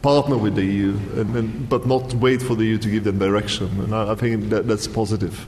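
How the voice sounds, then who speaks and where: A man answers a question on a panel in a measured, explanatory way, pausing often on ums. His voice rings out in a large hall with a long reverb and a faint background noise. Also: on the low side, steady tone, darkish tone.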